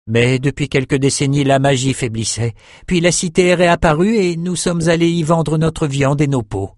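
A man's voice: fairly high pitch, normal speed, darkish tone, dry recording, pitched above the performer's own voice, close to an everyday voice. A man voicing a nervous male shepherd held prisoner, hesitant and stammering, recorded dry.

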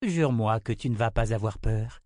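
A man reading the part of a gentle mother who calmly reassures her young daughter. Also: fairly low pitch, normal speed, no echo, studio quality, natural voice. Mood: soothing. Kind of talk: audiobook character reading.

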